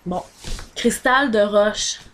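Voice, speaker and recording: A woman with a Québécois accent talks to the camera at an unhurried pace in a home vlog. Her chat rambles along with lots of fillers, and her voice sits at an ordinary middle pitch. A faint hiss runs underneath. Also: a bit bright. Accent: Québécois French. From Quebec. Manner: chatty and rambling, many fillers, holds items up to the camera. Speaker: vlogger recommending books. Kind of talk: casual vlog.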